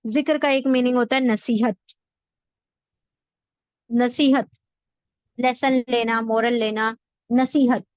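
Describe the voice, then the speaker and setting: A woman's voice: a little high, steady tone, no room sound. A woman teaching word-by-word translation of scripture, explaining patiently and repeating each word and its meaning for her students. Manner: slow, repeats words and meanings for drilling. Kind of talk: patient classroom explanation with repetition.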